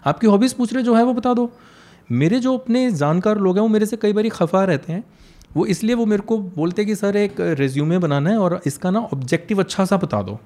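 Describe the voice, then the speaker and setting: High-voiced man with a Punjabi tinge. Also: a little fast, mellow. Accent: Punjabi-tinged English. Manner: storytelling, mixing Hindi and English, earnest. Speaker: English teacher. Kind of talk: casual conversation.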